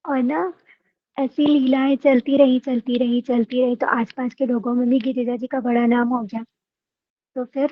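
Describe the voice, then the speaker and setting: A woman's voice: high voice, no room sound, muffled recording. A woman telling a devotional story with emotive delivery, repeating phrases for effect.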